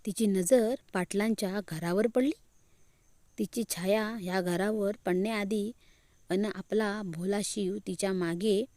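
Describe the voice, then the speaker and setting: A woman's voice: medium pitch, dark tone, dry recording, natural voice. Woman playing a seething old village uncle. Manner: commanding, seething. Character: angry older village uncle, man.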